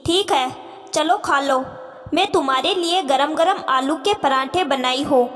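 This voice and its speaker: A woman voicing a caring middle-aged stepmother who gently coaxes her daughter, in a reverberant room. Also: high voice, measured pace, faint music behind. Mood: worried.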